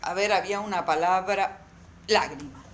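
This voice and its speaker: Recording a lesson for her students, a woman teacher speaks with a fairly low pitch, going slowly and emphatically and repeating words one syllable at a time. The room is echoey.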